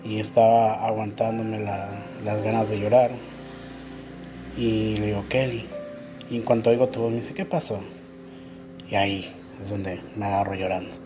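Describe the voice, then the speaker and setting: A man's voice: fairly low pitch, little pitch movement, normal speed, long pauses. A young adult man with a Mexican Spanish accent, talking candidly and emotionally in a casual chat, with music underneath. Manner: candid, emotional storytelling with slang. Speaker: co-host.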